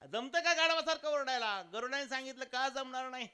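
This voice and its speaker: A man's voice: very high voice, fairly quick, smooth. A man with a Marathi accent preaching a devotional kirtan, telling a story and acting out village voices. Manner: animated storyteller, acts out village voices, breaks into sung verses. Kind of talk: devotional sermon storytelling with song. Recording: live outdoor sermon with accompanying music.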